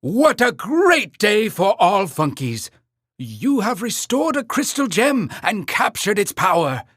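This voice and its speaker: A pompous little-town mayor from a cartoon video game. He speaks in a high, very animated voice and announces everything with earnest, theatrical grandeur. The recording is dry and close. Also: slow pace, no echo, full character voice. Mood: excited, hopeful. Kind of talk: scripted video game narration.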